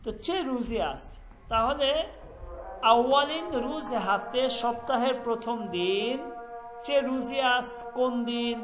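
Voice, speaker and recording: A man teaching an online Farsi class, slowly repeating words and checking that students follow. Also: very high-pitched, music in the background, low-quality recording. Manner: slow, repetitive, asks students to repeat. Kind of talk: online language class in Bengali.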